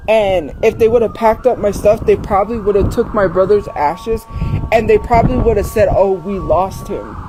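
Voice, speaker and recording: A woman chatting casually on a livestream, speaking in an emphatic, defensive way and repeating phrases, recorded outdoors in the wind. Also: mid-range voice. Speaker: livestream host. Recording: windy, noisy outdoor phone recording.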